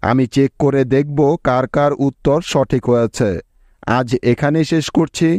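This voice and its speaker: A man teaching English reading and spelling step by step in a slow, patient lesson, often checking that the learners follow. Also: mid-range voice, steady tone, darkish tone, no room sound, clean studio sound.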